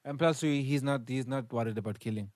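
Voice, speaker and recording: A man co-hosting a podcast in casual chat, excitable and quick to laugh, often restarting his sentences. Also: medium pitch, slight background noise. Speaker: podcast co-host.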